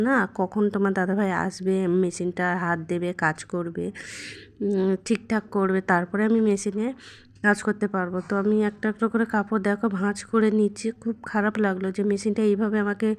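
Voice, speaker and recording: A young woman whose voice is hoarse from a cold talks slowly and softly, chatting casually as she tinkers with a sewing machine. Her tone stays flat, with little rise and fall. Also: medium pitch. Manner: soft, slow and plaintive. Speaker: home vlogger. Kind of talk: casual chat while repairing a sewing machine.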